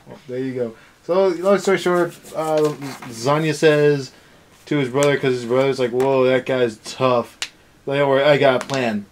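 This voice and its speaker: Speaking at a moderate pace in a mid-range voice, this anime review co-host rambles and gets sarcastic in a casual rant. Slight background noise is audible.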